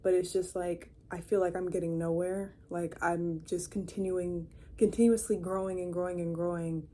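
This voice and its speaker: Mellow-voiced 23-year-old woman rambling. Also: fairly low pitch, little pitch movement, normal speed, a little hiss or hum. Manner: rambling, chatty, many fillers and restarts. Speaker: vlogger. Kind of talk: casual rambling vlog. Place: her own room indoors. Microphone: camera.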